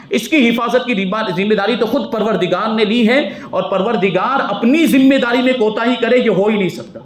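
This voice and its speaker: High-voiced man teaching in an echoey mosque. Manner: earnest, rhetorical questions to the listeners. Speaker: mufti teaching Quran commentary. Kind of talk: mosque lesson on Quran commentary.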